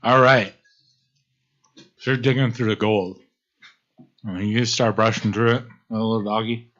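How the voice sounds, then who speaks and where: A man narrating as game master in a relaxed, casual way, full of fillers. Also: on the low side, normal speed. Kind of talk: narrating a tabletop game on a live stream. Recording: muffled lo-fi stream audio.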